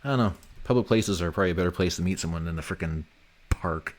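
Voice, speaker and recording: On an online voice call during his development stream, a game developer chats casually while working on his game. He's a low-pitched, fast talker who jokes, swears, and mutters to himself now and then.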